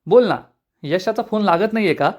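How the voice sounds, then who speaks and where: A man reading the lines of a jovial, eager older uncle who calls out loudly. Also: sits high, expressive, moderate pace.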